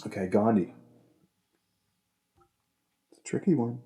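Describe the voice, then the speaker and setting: A man hosting a podcast, chatting casually and jokily, rambling with deadpan asides. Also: on the low side, measured pace. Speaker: podcast host. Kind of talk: casual comedic chat.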